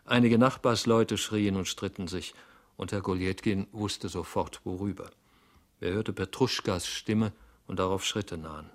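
A man narrating a novel in a measured, somber reading voice. His pitch sits on the low side, and he keeps a steady storyteller's delivery.

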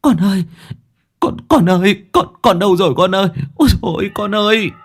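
Desperate village mother, very high, wailing and crying out, voiced by a man, ghost-story audiobook. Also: expressive, fairly quick, slightly rough, full character voice.

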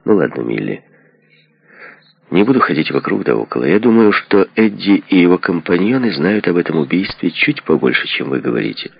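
A man's voice: sits low, big pitch swings, brisk, vocal fry, breathy edge, dry recording, full character voice. A man voicing a sardonic, probing detective in a book reading. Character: cynical, mocking male detective. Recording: dull lo-fi recording.

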